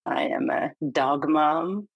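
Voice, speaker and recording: A woman's voice: low-pitched, takes it slowly, dry recording. A middle-aged woman from Hungary with a Hungarian accent, speaking candidly and earnestly as a podcast guest, laughing lightly between phrases. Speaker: guest, perinatal therapist. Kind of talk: conversational interview.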